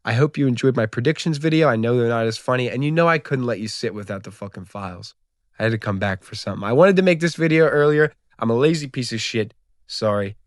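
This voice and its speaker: A man's voice: medium pitch, fast, dry recording, clean studio sound. A young man giving a casual, comedic fight recap, rambling and swearing as he jokes. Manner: profane, rambling, joking. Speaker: YouTube MMA commentator.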